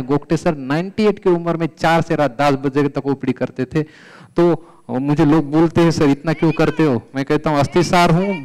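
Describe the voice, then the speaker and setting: A middle-aged man giving an animated conference lecture, telling patient stories and quoting Sanskrit verses. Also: fairly high pitch, rough recording. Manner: animated, mixes English terms and Sanskrit verses. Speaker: Ayurveda lecturer. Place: conference hall.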